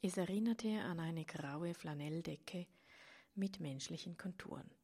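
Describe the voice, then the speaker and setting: Woman reading a tale real slow, breathy whispery, kinda low. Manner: soft, partly whispered delivery. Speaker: storyteller. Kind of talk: scripted narration, whispery.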